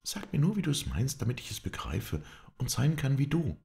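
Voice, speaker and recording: A man reading an audiobook voices a proud young woman who pleads and then defiantly defends herself, lifting his voice high. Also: very animated, brisk, vocal fry, darkish tone.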